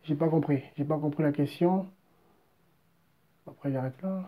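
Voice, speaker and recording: A man's voice: on the high side, moderate pace, phone-quality sound. A French-accented man preaching a live-streamed sermon, exhorting and repetitive, rising to emphatic peaks. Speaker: pastor.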